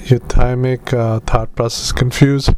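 Male doctor dictating clinical notes, super monotone, halting clipped bits, some background noise. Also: mid-range voice. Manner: halting, clipped phrases with spelled-out words and spoken punctuation. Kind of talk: medical dictation.

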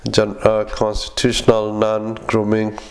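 Male clinician, lowish voice, very flat intonation. Medical dictation read off in clipped, halting fragments with spoken commands. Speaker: clinician dictating patient notes.

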